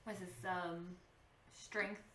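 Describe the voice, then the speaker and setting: A woman's voice: fairly low pitch, flat delivery, slow. A woman playing a tabletop game, asking lots of questions in a chatty way full of "like.". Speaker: player. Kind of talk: casual tabletop play. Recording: roomy sound from a distant mic with faint noise.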